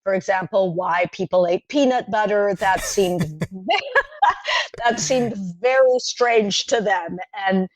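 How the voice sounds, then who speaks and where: A middle-aged playwright whose first language is French recalls her childhood as a podcast interview guest, speaking in a mid-range voice. She's thoughtful and halting, with many fillers and restarts.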